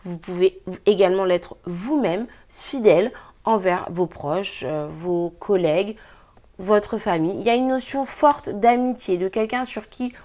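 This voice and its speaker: A woman's voice: medium pitch, unhurried, warm tone. A woman giving a casual daily card reading, chatty and emphatic, breaking into laughs as she gives advice. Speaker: tarot card reader.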